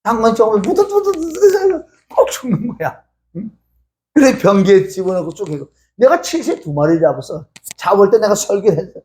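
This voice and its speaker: Middle-aged male pastor; animated sermon storyteller, high and lively voice. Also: slight background noise.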